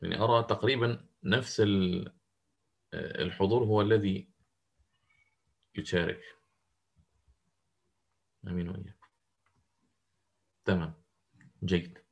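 A man's voice: low-pitched, fairly even intonation, measured pace, vocal fry, pauses often. A man teaching Quranic recitation in an interactive online lesson. He explains the rules step by step and quizzes his students as he goes.

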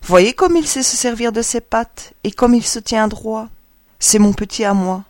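A woman's voice: a little high, a little slow, darkish tone, no echo, studio quality, voice pushed up, lightly acted. Fussy doting mother duck, read by a woman. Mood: protective. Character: anxious proud mother duck, female, adult.

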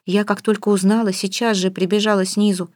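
A woman's voice: mid-range voice, flat delivery, a little fast, darkish tone, dry recording, clean studio sound, lightly acted. A woman reading an audiobook, voicing a stern, fussy middle-aged mother who scolds and gives orders. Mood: exasperated. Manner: scolding, bossy. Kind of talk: audiobook character voice.

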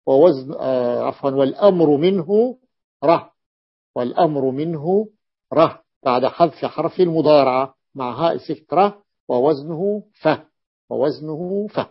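A man with a fairly high voice teaching grammar, walking through word patterns step by step and repeating each key form. The recording is dull and lo-fi. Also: normal speed, slightly rough. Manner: repeats key forms and invites the reader to continue. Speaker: teacher of Arabic morphology. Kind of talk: explaining a classical grammar text.

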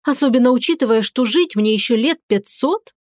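A woman playing a sharp-tongued young wife. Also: fairly high pitch, lively intonation, fairly quick, no room sound, studio quality, lightly acted. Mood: indignant. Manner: indignant, sarcastic, impassioned.

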